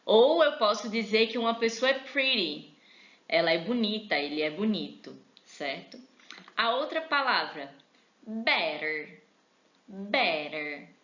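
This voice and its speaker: A Brazilian woman teaches English in a chatty, encouraging way, drilling each word slowly and more than once. Her voice is bright and forward. The sound is echoey and a little dull, as if taped in a bare room. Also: medium pitch, big pitch swings. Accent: Brazilian Portuguese. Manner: chatty and encouraging, repeats words slowly for learners. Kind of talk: online English lesson, explaining and drilling pronunciation.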